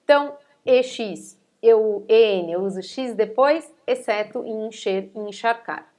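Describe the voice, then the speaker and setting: A woman's voice: a little high, a little slow, warm tone. A woman with a Brazilian Portuguese accent, a teacher explaining spelling rules step by step and often checking in with her students. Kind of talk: recorded spelling lesson.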